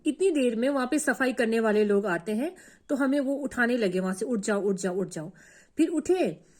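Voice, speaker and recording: With a fairly high, lively voice that is a little mellow, a devotee recounts a personal experience at normal speed. She tells it earnestly and emotionally, often repeating herself.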